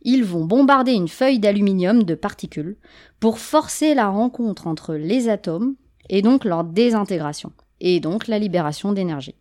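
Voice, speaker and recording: A woman's voice: medium pitch, lively intonation, normal speed, warm tone. Playful woman giving a science talk. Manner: playful, jokey asides to the audience. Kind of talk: humorous popular science talk.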